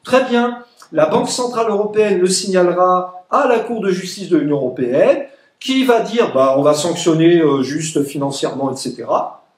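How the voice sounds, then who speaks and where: In an echoey meeting room, an Egyptian man delivers a political speech at a public gathering, his voice pitched high and his pace moderate. He is emphatic and sarcastic, ridiculing opponents by quoting them in mocking voices.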